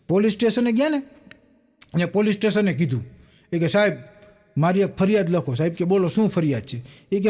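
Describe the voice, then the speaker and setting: High-voiced stand-up joke-teller. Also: male voice. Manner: animated storyteller acting out quoted characters. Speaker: stand-up comedian telling jokes. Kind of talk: Gujarati folk stage joke-telling. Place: live stage show with audience.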